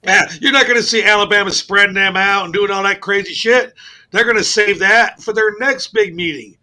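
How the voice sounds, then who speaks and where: A man hosting a casual sports radio show, telling stories in an animated, profane way. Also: sits high, fairly quick. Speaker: host. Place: radio studio.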